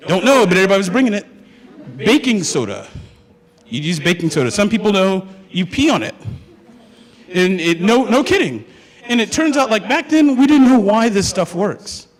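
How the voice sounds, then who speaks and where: A man's voice: high-pitched, big pitch swings, moderate pace. A young man from Hawaii, a student, telling his story to an audience in a chatty, joking way and asking them questions. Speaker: student speaker. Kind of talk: humorous personal storytelling talk. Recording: long hall reverb.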